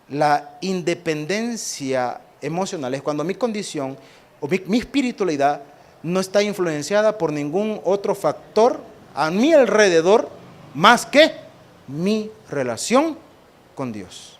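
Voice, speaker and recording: A man with a Salvadoran accent preaching a sermon as pastor, animated, asking the congregation rhetorical questions and acting out quick exchanges. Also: high voice. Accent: Salvadoran Spanish. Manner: acts out quick exchanges in different voices.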